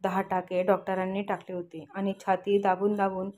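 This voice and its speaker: A woman's voice: mid-range voice, completely flat delivery, normal speed, warm tone. A woman narrating a first-person story in an earnest, confiding way, voicing the lines of the people in it.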